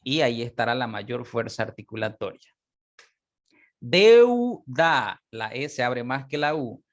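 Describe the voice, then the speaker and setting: A man teaching a class, explaining step by step, repeating example words slowly and often checking that students follow. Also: mid-range voice, steady tone, a bit bright. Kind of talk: online class lecture.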